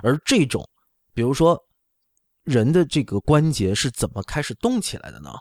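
A man's voice: mid-range voice, big pitch swings, normal speed, no echo. Middle aged guy, doctor explaining stuff casually, keeps checking you follow, dry sound. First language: not Chinese. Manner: explanatory, often checking with "right?". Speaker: orthopedic doctor explaining on a talk show.

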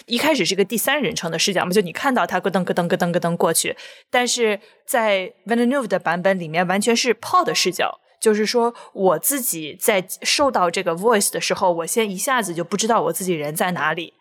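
Animated woman retelling film scenes. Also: medium pitch, brisk. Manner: animated storytelling, acts out scenes with sound words. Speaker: podcast co-host. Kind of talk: casual film discussion.

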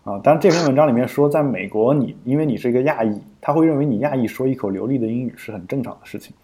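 Mellow-voiced man chatting on a podcast. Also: medium pitch, fast talker. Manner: thinks aloud, frequent fillers and restarts. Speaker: podcast co-host. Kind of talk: casual explanatory chat.

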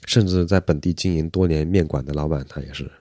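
Deep-voiced blunt man, rapid talk. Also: warm tone, dry recording, studio quality. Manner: blunt, critical, matter-of-fact. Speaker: podcast co-host. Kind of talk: casual chat.

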